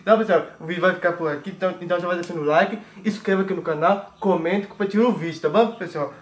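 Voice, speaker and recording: Racing along in a high voice, a Brazilian-accented teen in his late teens chats repetitively about his grocery haul for a kitchen vlog. He points things out with filler tags, and the crinkling of plastic bags comes through clearly.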